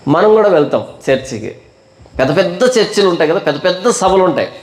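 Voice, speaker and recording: A man's voice: high voice, lively intonation, fast. A male pastor preaching a Bible study sermon, firing off rhetorical questions and stretching words for emphasis. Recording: echoey room.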